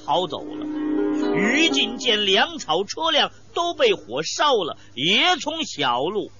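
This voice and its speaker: A woman's voice: a little high, sing-song, takes it slowly, muffled recording, over music. A woman storyteller narrating a historical war tale dramatically, with emphatic sound words.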